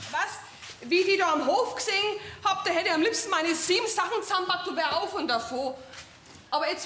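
Actress as feisty housewife, stage comedy, bright high voice, roomy hall. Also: female voice, a little hiss or hum, exaggerated voice. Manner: sassy and bantering. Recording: echoey theatre with audience laughter.

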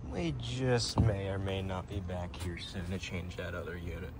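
An HVAC technician narrates a job into his phone camera in an offhand, matter-of-fact tone, his low, fairly even voice moving at a moderate pace. He's outdoors beside AC units in the rain, with loud background noise.

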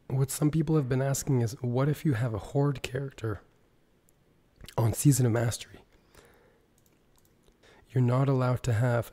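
A man hosts casual gaming commentary with a sore throat. His voice is mid-pitched and very muted in tone, hoarse and strained, at times slipping into a whisper as if nearly gone. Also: warm tone. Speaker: gaming video host. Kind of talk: casual gaming news commentary over screen capture.

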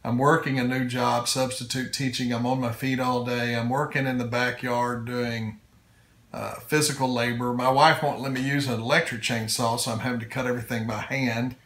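A man's voice: mid-range voice, little pitch movement, moderate pace, fairly bright tone. Earnest American man in echoey office. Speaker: testimonial guest. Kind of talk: interview testimonial. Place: small office room indoors.

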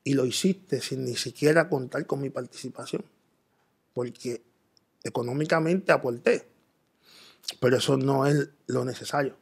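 A man's voice: medium pitch, moderate pace, gravelly, long pauses, husky. A man telling an earnest personal testimony as an interview guest, quoting himself in dialogue.

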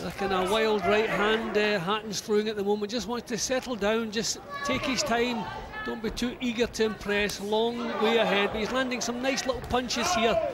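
Male co-commentator, high voice, breaks down tactics over a roaring crowd. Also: steady tone, moderate pace. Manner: coaching-style analysis with fillers. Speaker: boxing pundit. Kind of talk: live boxing commentary. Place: ringside at an indoor boxing arena. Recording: loud arena crowd behind.

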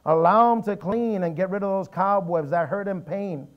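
A man preaching a sermon in a church, with animated storytelling and emphatic repetition. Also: sits high, moderate pace, dull audio. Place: church sanctuary.

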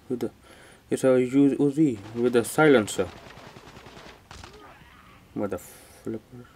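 A man with a mid-range, slightly mellow voice hosts a let's play, muttering casual, slangy reactions as he games. His microphone sits a little away from him.

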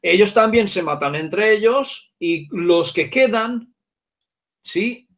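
A man's voice: high-pitched, takes it slowly. A man with a Hungarian accent, a native Hungarian speaker, explaining at length in an interview with many asides and checks on his listener. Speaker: guest speaker.

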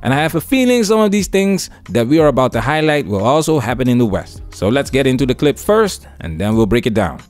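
A man's voice: mid-range voice, big pitch swings, a little fast, few pauses, darkish tone, soft background music. A man hosting an opinion news commentary show, talking through clips and reacting to them. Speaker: host of a commentary channel.

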